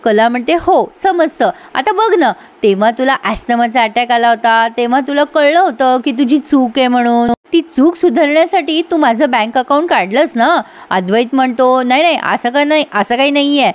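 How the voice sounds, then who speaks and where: A woman narrating a recap of a TV serial episode, acting out each character's lines with lively emphasis. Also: high-pitched, brisk, few pauses. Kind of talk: voice-over recap acting out dialogue.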